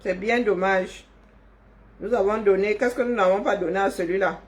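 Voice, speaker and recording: A woman with a medium-pitched voice, fairly even intonation and normal speed livestreams straight into her phone or webcam. As an online commentator, she mocks and scolds in a sarcastic, teasing way.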